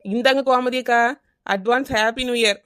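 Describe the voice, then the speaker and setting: A woman's voice: a little high, steady tone, moderate pace, a bit bright, clear, resonant tone, close to an everyday voice. A woman voicing a scatterbrained housewife in a comedy cartoon, chattering and wheedling, with a Kanyakumari Tamil accent. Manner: chattering, wheedling, repeats the neighbour's name.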